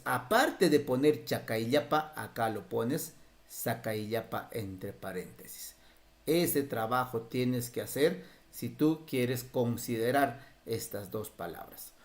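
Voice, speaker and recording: A man with a Peruvian accent teaches spelling over a video call. He speaks slowly and unhurriedly, and his pitch rises and falls a lot. He poses questions to the class and then answers them himself. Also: animated. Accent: Peruvian Spanish. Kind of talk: online class explaining spelling.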